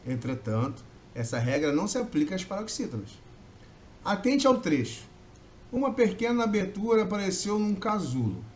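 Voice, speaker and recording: A man from Brazil teaching an exam-prep grammar lesson, explaining step by step and drawing out key words slowly. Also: high-pitched, sing-song, a little mellow. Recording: faint background noise.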